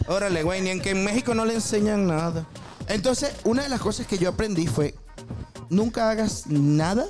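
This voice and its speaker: A man doing a cocky Mexican-accented guy with a teasing, threatening swagger. The voice sits fairly high for a man and snaps out slangy jabs. It is a comic bit in a casual chat. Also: animated, fairly quick, darkish tone, soft background music. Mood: mock-tough. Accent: Mexican Spanish, put on.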